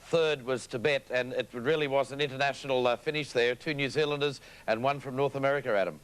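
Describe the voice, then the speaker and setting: An Australian man hosts a sports broadcast. He speaks quickly in a medium-pitched voice, presenting results and links. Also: a bit bright, clear, resonant tone. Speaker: sports show host.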